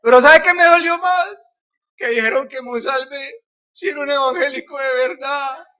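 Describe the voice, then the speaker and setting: A man's voice: very high voice, fairly even intonation, normal speed, bright, forceful tone, lo-fi sound. A man preaching a sermon as pastor, acting out the voices of people in his stories.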